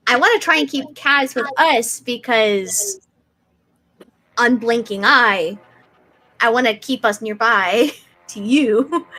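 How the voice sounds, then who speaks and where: A woman's voice: a little high, takes it slowly, pauses often, pushed and bright, slight background noise. A woman playing a tabletop game, chatting in a playful, slangy, casual way. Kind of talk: casual in-character table chat.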